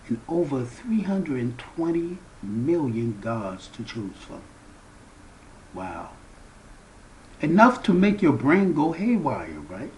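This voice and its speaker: A man speaks as the founder of a spiritual movement, addressing his viewers directly. His delivery is slow and deliberate, and his pitch swings widely as he leans hard into key words. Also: slight background noise, low-quality recording. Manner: slow, emphatic preaching with big swings in pitch and loudness.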